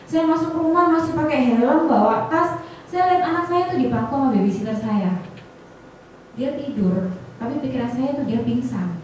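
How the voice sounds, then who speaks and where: A woman tells a personal story to a room of colleagues, acting out each bit of dialogue with lively energy. Her voice sits a little high and sounds far from the mic, washed in the heavy echo of a big hall. Faint noise runs underneath. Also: moderate pace. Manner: animated storyteller, acts out dialogue, often addresses the audience. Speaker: insurance agent speaking to colleagues. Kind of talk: personal story told to an audience.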